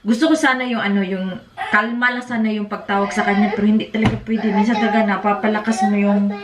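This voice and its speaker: A woman in her thirties with a Filipino accent, chatting casually to viewers while cooking at home and breaking off to hush her toddler. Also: medium pitch, fairly even intonation, fast talker, background noise. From Philippines. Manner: switches between chatting to viewers and scolding a toddler. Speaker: vlogger and mother. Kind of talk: casual cooking vlog chat. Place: home kitchen. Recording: echoey room from a distance.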